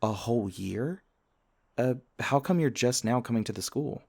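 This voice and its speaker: Creaky and husky, the man's medium-pitched voice carries lively intonation at a moderate speed. He's roleplaying in ASMR as a friendly vampire tour guide and university student, casually joking and sharing information with the listener in an easygoing way.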